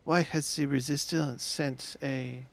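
A frightened captive woman pleads in a high, halting voice, as a man puts her on. Her urgent bursts keep catching on hesitations, with a gravelly edge beneath the raised pitch. The pace stays slow despite the urgency. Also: fairly even intonation.

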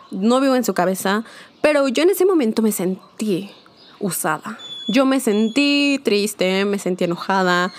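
A young woman hosting a casual solo podcast. She talks in a chatty, confiding way, keeps checking in with "¿ok?" and drops in English words now and then. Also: a little high. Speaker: podcast host.

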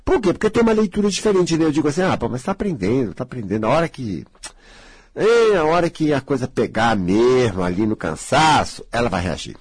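A man's voice: mid-range voice, lively intonation, fairly quick, husky, no room sound. A man in his sixties from Brazil, a spiritual healer talking casually and bluntly, acting out the voices of others. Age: 60s.

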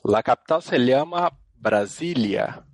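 A man from Brazil answering questions in an online language class. His voice is husky and he speaks very slowly and carefully. The sound is dry and close, from a video call. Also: mid-range voice, expressive, no room sound. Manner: slow, careful phrasing. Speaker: student.

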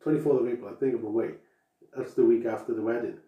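A man co-hosts a casual podcast, teasing and jumping in with quick remarks. His pitch is middling. The recording carries a noticeable room echo. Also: fairly even intonation, warm tone. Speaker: podcast co-host. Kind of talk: casual chat.

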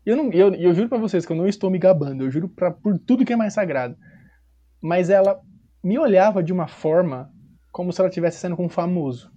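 A man with a São Paulo accent telling a personal story in casual chat, slangy and animated, acting out quoted dialogue. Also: high-pitched, fast talker. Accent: São Paulo Portuguese. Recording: dull lo-fi recording.

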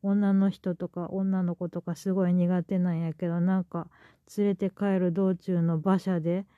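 A woman's voice: fairly low pitch, level tone, normal speed, dry recording, phone-quality sound. A woman with a Kansai accent hosting her own podcast, retelling a story in a chatty, rambling way with many fillers. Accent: Kansai Japanese. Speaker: podcast host. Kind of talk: casual storytelling monologue.

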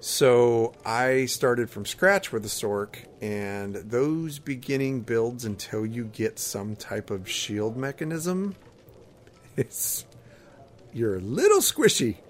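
This co-host speaks slowly in a medium-pitched voice full of lively intonation. He chats casually on the podcast, talking through his gaming experiences conversationally, over faint background ambient noise.

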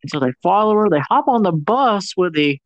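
A man's voice: high-pitched, brisk. A man co-hosting a podcast, giving a casual, slangy movie recap and acting out the characters as he goes. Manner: slangy, animated storyteller who acts out characters. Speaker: podcast co-host.

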